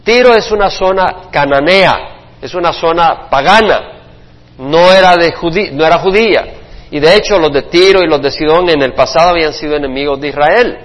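A man's voice: fairly high pitch, normal speed. A man teaching a Bible study as a pastor, chatting to his listeners, checking in with them and acting out short quotes. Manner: conversational, asks listeners "¿verdad?", acts out short quotes. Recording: dull sound with long reverb in a hall.

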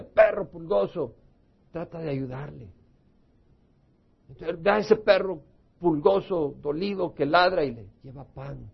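A man's voice: high-pitched, vocal fry. Passionate man preaching, lo-fi recording. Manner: preaches with rising emphatic bursts, then drops to soft prayerful tones. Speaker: pastor. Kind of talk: sermon.

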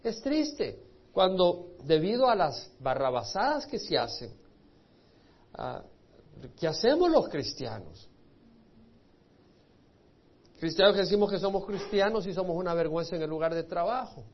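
A man preaches a Bible study in a high, husky voice. He reads scripture passages with swelling force, then explains them more plainly. The sermon recording sounds dull and muffled. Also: sing-song, measured pace, pauses often. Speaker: pastor.

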